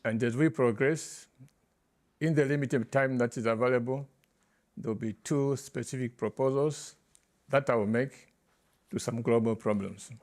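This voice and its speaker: Mid-pitched male conference panelist. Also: fairly even intonation, moderate pace, pauses often, a little mellow. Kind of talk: panel introduction.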